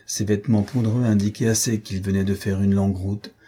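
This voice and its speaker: An audiobook narrator with a lowish, breathy-edged voice reads a classic novel aloud. His scripted literary narration is measured and even, in a steady storytelling style.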